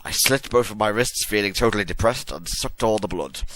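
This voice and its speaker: A man's voice: lowish voice, brisk, fairly bright tone, no echo, poor audio. A man giving a comic dramatic reading of a story in a hammy, theatrical stage-actor manner with exaggerated emphasis. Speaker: reader of a fan fiction story.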